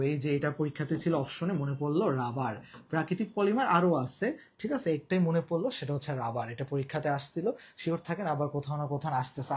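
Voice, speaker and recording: Husky Bangladeshi man teaching live. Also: a little high, a little mellow. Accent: Bangladeshi Bengali. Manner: repeats key terms and asks viewers questions; colloquial, mixes in English words. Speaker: online exam-prep teacher. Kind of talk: live online class lecture.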